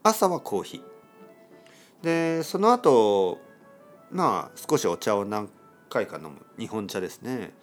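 A man from Japan hosting a podcast for learners, explaining in simple words and repeating key terms with soft fillers. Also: fairly low pitch, very animated, slow pace, pauses often, soft background music. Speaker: podcast host teaching Japanese.

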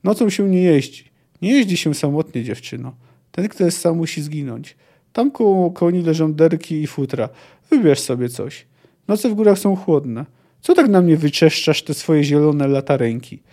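A man voicing a gloomy young male gang leader, read aloud in a gruff, commanding way. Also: on the high side, expressive, moderate pace, mellow.

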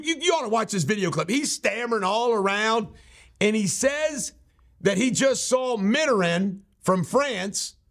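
A man's voice: very high voice, a bit bright. A man hosting his own show, delivering a blunt, emphatic and scornful political commentary monologue. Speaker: host.

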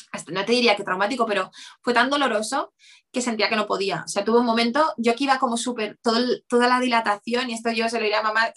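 A woman talks through a personal story in a rush, her words tumbling out. Her voice sits a little high, and she keeps circling back with restarts and fillers. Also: a bit bright. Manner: rapid, rambling, full of "o sea" restarts. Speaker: interview guest.

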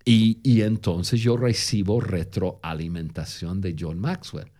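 A man co-hosting a podcast who tells stories in casual Spanish, which is not his first language, with a lingering foreign accent and frequent halting restarts. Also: sits low, dark tone. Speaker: podcast co-host. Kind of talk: casual conversational storytelling.

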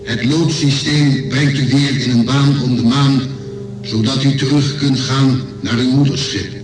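A man's voice: mid-range voice, steady tone, unhurried, close to an everyday voice. Guy doing a robot guardian of a space library, formal radio drama voice, big echo, music under it. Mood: impassive. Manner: formal, impassive, matter-of-fact.

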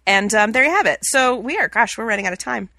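A woman co-hosting a podcast, chatting in an upbeat, quick way. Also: a little high, expressive, bright, forceful tone, no echo, clean studio sound. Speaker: podcast co-host. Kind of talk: casual chat.

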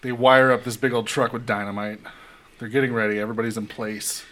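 A man's voice: medium pitch, steady tone, fast, a bit bright. A man casually recapping a TV episode for his co-hosts, acting out the characters' lines as he goes. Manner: laid-back storytelling, acts out characters' lines. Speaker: podcast host recapping a TV episode. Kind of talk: casual chat.

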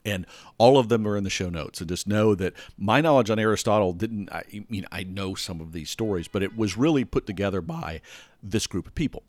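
A man with a lowish voice hosts a solo podcast from indoors at home. He talks in a casual, rambling way, often restarting sentences and checking in with the listener. The sound is close and dry, with no room around it. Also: expressive, brisk, darkish tone, no echo. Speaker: podcast host.

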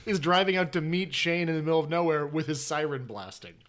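A man's voice: a little high, fairly quick, a bit bright. A man co-hosting a casual movie podcast, adding wry, sarcastic quips. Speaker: podcast co-host. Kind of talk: casual movie-review chat.

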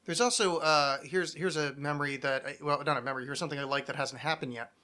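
Talking television on his podcast, a man in his 30s rambles off on tangents and curses liberally. He speaks quickly in a fairly high, steady voice that is bright and forceful.

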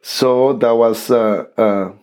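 A man from Costa Rica with a Costa Rican Spanish accent, a native Spanish speaker telling his story in an interview, halting with many restarts and fillers. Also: medium pitch, fairly even intonation, darkish tone, clear, resonant tone. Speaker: interview guest, saxophonist.

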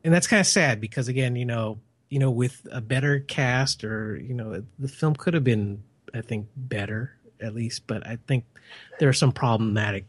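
A man's voice: mid-range voice, moderate pace, husky, dry recording. A man reviewing a film in casual chat, rambling and peppering his talk with "you know".

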